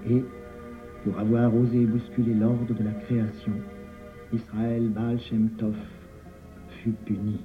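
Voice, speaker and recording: A man narrates a story in a measured, dramatic way, his voice at a middling pitch. The sound is thin and phone-like, with faint music underneath. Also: completely flat delivery.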